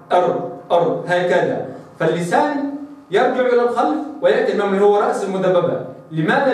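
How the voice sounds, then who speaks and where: A man teaches pronunciation in a fairly high voice, pausing to demonstrate each sound himself. He urges the listener to copy him. His voice rings in a very echoey room, picked up from some distance away. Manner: demonstrates sounds, repeats rolled r aloud; addresses listener as brother, asks them to try. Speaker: Quran recitation teacher. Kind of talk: explanatory lesson on pronunciation.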